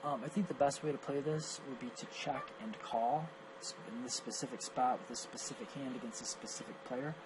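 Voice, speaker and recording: Hoarse and worn out after coughing away his voice, a poker coach walks briskly through his own match in screen-recorded commentary, judging both his play and his opponent's. He thinks aloud analytically and self-critically, using fillers, in a mid-range pitch over a clear hum of background noise.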